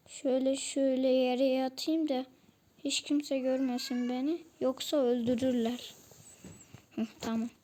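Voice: high-pitched, darkish tone. A channel host giving casual commentary while playing a shooter game, chatting to viewers and grumbling about weapons.

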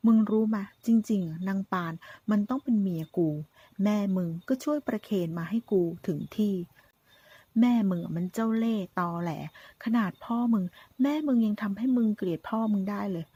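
A woman's voice: mid-range voice, normal speed, warm tone, breathy edge, dry recording, close to an everyday voice. A woman voicing a vengeful, crude gunman who sneers out contemptuous threats. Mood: taunting. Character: menacing gun-wielding man, vengeful and crude.

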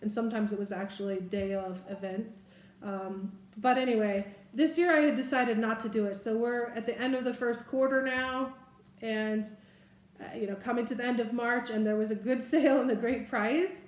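Seated at a table indoors, a forties-aged woman rambles casually about her shopping finds for the camera facing her. Her pitch is fairly high, her intonation fairly even, her speed normal, and the room echoes.

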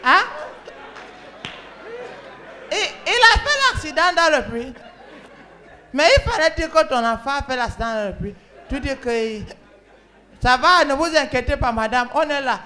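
A woman with a Cameroonian French accent playing an excitable, scolding female emergency call operator in a comedy sketch, talking to callers on the phone. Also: high voice, a little slow, long pauses, some chatter behind, exaggerated voice. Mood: bossy. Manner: scolding, excitable, often laughing and shouting. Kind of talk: comic sketch, one side of phone calls.

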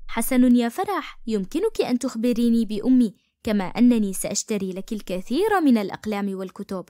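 A woman voicing a kind, caring adoptive mother in an animated storybook, speaking gently and tenderly. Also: a little high, quick pace, no room sound, clean studio sound, natural voice.

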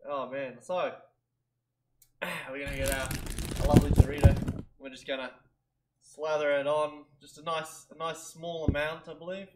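A man's voice: fairly high pitch, level tone, moderate pace, long pauses, noisy background. A young man chatting casually to camera in a small bedroom, goofy and self-mocking, often ending sentences with "eh". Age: young adult. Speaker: vlogger.

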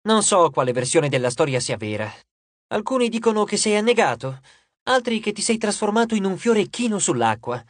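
An impatient young swordswoman, acted by a male reader, presses her point with firm exasperation. The voice is raised and lively in pitch, recorded dry and close. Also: brisk, dry recording. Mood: exasperated.

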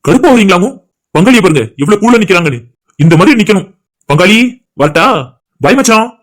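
A man's voice: high-pitched, lively intonation, fairly quick. A man voicing a cocky young groom in a cartoon, teasing and boastful. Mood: smug. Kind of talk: cartoon voice acting.

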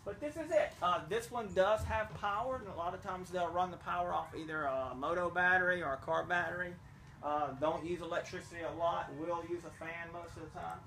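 A middle-aged man gives a cheerful walking tour outdoors, thanking donors and explaining what he shows. His voice sits high and sounds bright and forward. A faint hiss of outdoor noise runs under it. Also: brisk, gravelly. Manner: enthusiastic, grateful, explaining as he walks. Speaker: charity representative. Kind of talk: casual vlog tour. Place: outdoors at a village well and a small new house.

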